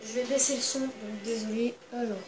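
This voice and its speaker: A woman, quietly talking through a video game in a rambling casual way, full of hesitations. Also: on the high side, fairly even intonation, fairly quick. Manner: talks quietly, holding her voice down at night. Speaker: gaming channel host. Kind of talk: casual let's-play commentary. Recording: echoey room, distant mic, game music behind.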